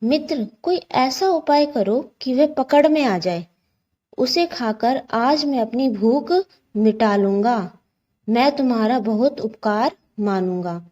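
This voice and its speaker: Hungry, scheming male crocodile, read by a woman: slow, pleading, on the high side. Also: animated, a little mellow, highs cut off.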